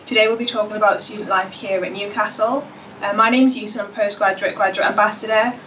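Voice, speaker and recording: A young woman in her twenties hosting a webinar as a graduate ambassador, relaxed and dotted with ums. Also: medium pitch, quick pace. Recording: distant dull webinar audio with faint hiss.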